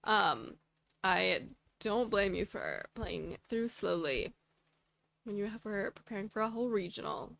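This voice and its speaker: A woman's voice: mid-range voice, animated, unhurried, vocal fry, a bit bright. A woman streamer chatting casually while playing a game and answering viewer chat with rambling asides.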